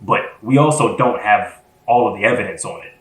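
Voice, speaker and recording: A man's voice: fairly low pitch, brisk, a bit bright, roomy sound, poor audio. A man co-hosting a podcast in casual chat, rambling and hesitant with many restarts. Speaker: podcast co-host.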